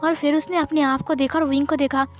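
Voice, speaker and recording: A woman's voice: high-pitched, flat delivery, brisk, faint music behind. A woman retelling a fan-fiction love story aloud, emotional and dramatic, with many restarts.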